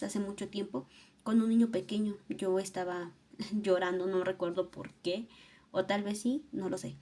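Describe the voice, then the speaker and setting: A woman's voice: mid-range voice, mellow. A young woman, thinking aloud in an earnest, reflective personal vlog. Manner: earnest, thoughtful, musing aloud. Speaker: vlogger.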